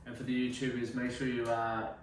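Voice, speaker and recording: A man's voice: mid-range voice, completely flat delivery, a little fast. A man hosting a casual interview, talking in a blokey, slangy, sweary way. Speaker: podcast host. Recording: very echoey, distant mic, noisy room.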